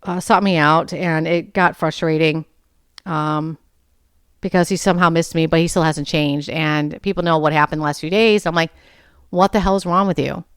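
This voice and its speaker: A woman's voice: sits low, steady tone, moderate pace, clean tone, no room sound, clean studio sound. A woman in her forties hosting a personal podcast, talking in a candid, blunt way and swearing freely. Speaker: podcast host.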